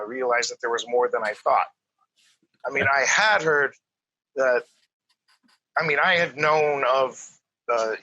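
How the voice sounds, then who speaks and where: As a podcast guest, a man who grew up in Korea with English as his first language chats casually, relaxed and hesitant with lots of fillers. His medium-pitched voice is slightly rough, and the recording is rough with no room sound.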